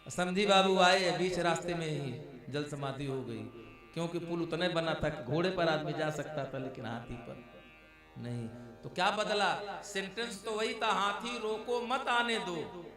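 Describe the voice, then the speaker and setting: High-pitched guy giving a slow devotional story sermon, acts out the voices, sounds far off in an echoey hall with music going. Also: expressive. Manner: storytelling, acts out dialogue, addresses listeners as "maharaj". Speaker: Ram Katha preacher. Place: large live discourse venue.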